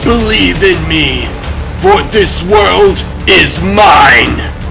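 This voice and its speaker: An imperious comic-book tyrant who believes himself God. His delivery is very slow and grandiose, with a gravelly, fairly high male voice over clearly audible music. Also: animated, raised voice, exaggerated voice. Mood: grandiose, commanding. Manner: grandiose, commanding, deliberate. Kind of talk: theatrical comic-dub villain acting.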